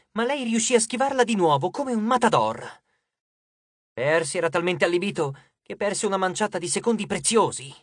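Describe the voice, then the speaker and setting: A man narrating an audiobook in a steady, expressive storytelling voice. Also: sits high, no echo, clean studio sound. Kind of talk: scripted narration.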